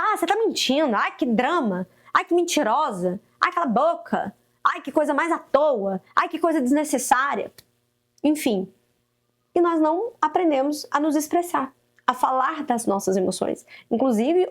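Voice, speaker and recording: A woman's voice: high-pitched, a little mellow. A Brazilian woman psychotherapist giving earnest, coaching advice to mothers straight to camera. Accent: Brazilian Portuguese. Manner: earnest, coaching, acts out quoted parents and children. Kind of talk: direct-to-camera advice talk.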